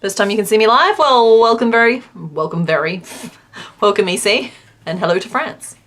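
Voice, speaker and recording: On her crochet livestream, a woman talks at a normal speed in a mid-range voice. Her chat is casual and rambling, full of fillers, as she reads viewers' messages aloud and softly counts stitches.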